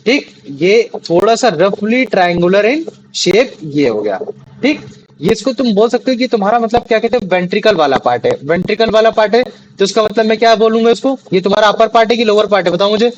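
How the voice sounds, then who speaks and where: A young male teacher leads a classroom lesson, pitched fairly high for a man. He keeps circling back with questions to make sure the class follows. Faint noise sits under the recording. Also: animated, a little fast, muffled recording. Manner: repeats questions to check understanding.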